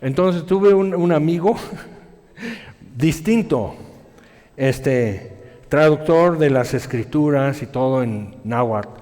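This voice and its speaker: A man with a fairly high voice preaching in a church hall with a long reverb. He tells stories with animation and slips into other people's voices when quoting them. The tone is lively and conversational. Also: takes it slowly, long pauses. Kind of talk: sermon.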